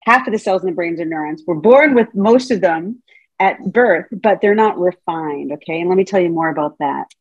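Speaking at a normal pace in a husky, lowish voice, a middle-aged Montessori teacher trainer talks casually and playfully over a video call, frequently asking her audience questions. She's indoors at home, and the webcam audio is lo-fi with no echo.

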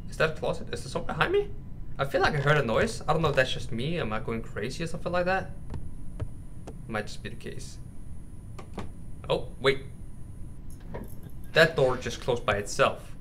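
This nervous gaming YouTuber commentates casually over a horror game, calling viewers bros and mate. His medium-pitched, slightly bright voice swings widely in pitch at a moderate pace with long pauses, over clear background noise and game ambience.

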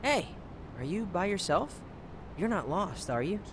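Earnest, high-voiced young guy. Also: sing-song, unhurried, background noise. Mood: concerned. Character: earnest, eager young man searching for his mother. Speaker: video game character. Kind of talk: English game dub acting.

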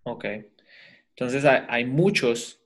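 A man's voice: mid-range voice, slow pace. A man co-hosting a citizenship lesson, explaining advice and reading out questions. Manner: explanatory, gives practical advice. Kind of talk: bilingual lesson.

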